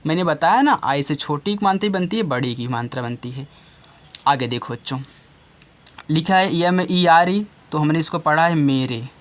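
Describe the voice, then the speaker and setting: A man's voice: a little high, expressive, moderate pace. A man teaching a reading lesson to children, spelling words out letter by letter and repeating each word several times. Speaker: online tutor.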